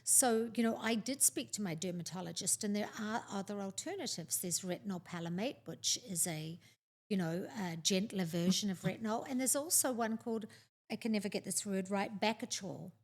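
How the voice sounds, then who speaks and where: A middle-aged woman from New Zealand, co-hosting a casual talk show and telling stories in an animated, chatty way. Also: medium pitch, normal speed. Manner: animated storyteller, chatty and expressive. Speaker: podcast co-host. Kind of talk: casual chat.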